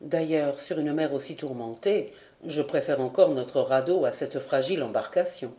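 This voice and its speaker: A calm young sea captain, firm and serious, speaks in a lowered, measured voice, put on by a woman reading a classic novel aloud. His tone is mellow and unhurried. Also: natural voice. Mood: grave. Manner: grave, measured commands.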